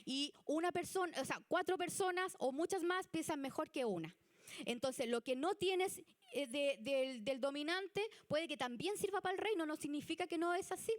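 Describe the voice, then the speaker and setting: A woman with a Chilean Spanish accent giving a church youth leadership lesson, chatty and animated. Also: high-pitched, normal speed. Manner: chatty and animated, acts out example people.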